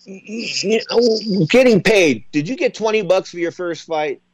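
A man's voice: high voice, unhurried, husky, dry recording, rough recording. Chatty radio host in his sixties. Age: 60s. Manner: chatty, animated storyteller. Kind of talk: talk radio interview.

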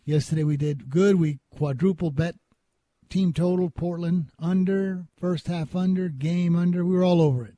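A man's voice: high-pitched, moderate pace, mellow, dry recording. A man hosting a sports betting show in a casual, chatty style.

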